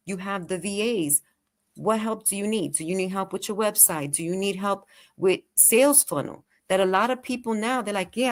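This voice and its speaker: This interview-show guest, a Latin American-heritage woman who owns a care and virtual assistant business, argues her case animatedly in a mid-range voice. Quick rhetorical questions pour out of her, though at times she purposely slows her delivery.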